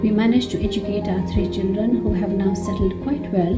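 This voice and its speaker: An older woman from Uganda, a former refugee, telling her story calmly and gratefully in a short film. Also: mid-range voice, fairly quick. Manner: calm, grateful and plain-spoken. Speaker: former refugee giving testimony. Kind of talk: personal testimony in a short film. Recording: roomy echo with loud guitar music.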